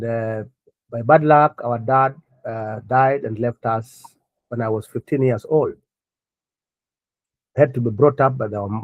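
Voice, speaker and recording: Middle-aged guy from kenya on a video call, earnest and measured, lots of uh pauses, dull muffled sound, dry room. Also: mid-range voice, no echo. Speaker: guest, NGO founder. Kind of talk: remote interview.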